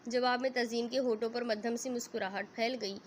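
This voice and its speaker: A woman's voice: a little high, fairly even intonation, a little hiss or hum. A woman narrating a novel aloud in a dramatic reading.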